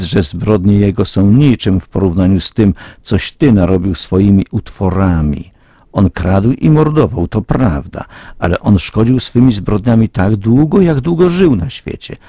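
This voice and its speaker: A man voicing a female demon hag of hell who sternly accuses a sinner, in a slow, reproachful way. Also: lowish voice, warm tone, no echo, studio quality.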